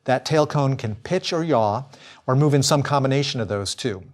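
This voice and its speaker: Male lecturer, mid-pitched voice, clear, explanatory course delivery. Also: normal speed. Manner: clear explanatory delivery with small self-corrections.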